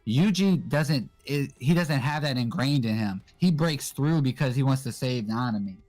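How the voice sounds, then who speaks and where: A man's voice: medium pitch, moderate pace. Young guy guest on an anime chat, mid voice, chill and full of "you know"s, faint music under it. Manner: relaxed, filler-heavy explaining. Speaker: guest co-host. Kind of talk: casual anime discussion.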